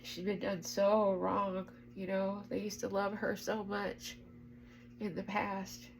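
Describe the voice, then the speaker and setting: Gravelly, emotional woman vlogger. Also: medium pitch, completely flat delivery, takes it slowly, poor audio. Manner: emotional, earnest, urging. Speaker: spiritual vlogger. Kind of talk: heartfelt spiritual vlog talk.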